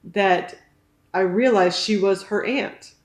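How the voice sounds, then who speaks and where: A woman chats through a casual movie review in a roomy, echoing space. Her voice is mid-pitched, and she comes across as tipsy and blunt. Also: slow pace. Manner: tipsy, blunt, interjecting talk. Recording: roomy, echoey sound.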